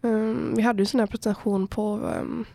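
A woman's voice: medium pitch, steady tone, gravelly, dark tone, dry recording. A young woman with a cold and a stuffy nose, chatting casually as podcast co-host and acting out quotes as she tells stories. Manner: chatty storytelling, acts out quotes. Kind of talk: casual chat.

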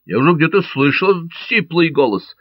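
A man voicing an excitable, hearty pirate in an audiobook, exclaiming in a raised, high voice. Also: fairly quick, dry recording, dull audio. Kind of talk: audiobook character voice.

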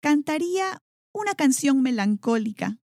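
A woman's voice: high voice, expressive, a little slow, creaky, darkish tone, no room sound, studio quality, voice pushed up, heavily acted. Woman voicing a stubborn little rooster. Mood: defiant. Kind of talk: storybook character voice.

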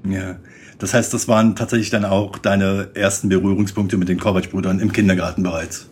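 A man's voice: low-pitched, little pitch movement, fairly quick, a little mellow, slight background noise. A man in his forties hosting a podcast, reading a formal introduction with a wry touch, then interviewing a guest. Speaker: podcast host.

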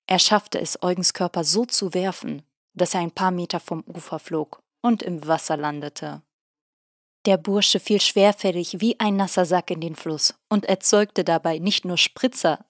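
Woman narrating an audiobook, low voice. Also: no echo, clean studio sound. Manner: steady, measured storytelling.

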